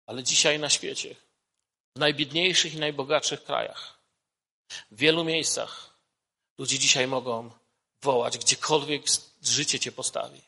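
A man's voice: steady tone, measured pace, vocal fry, long pauses, slightly rough. Man preaching in a reverberant hall. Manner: emphatic, rising when quoting scripture, dropping low and soft on key points. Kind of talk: sermon.

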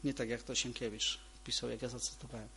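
A man preaching a sermon to a congregation, emphatic, repeating key phrases and moving between loud and soft delivery. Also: mid-range voice, little pitch movement, quick pace, gravelly, a little hiss or hum.

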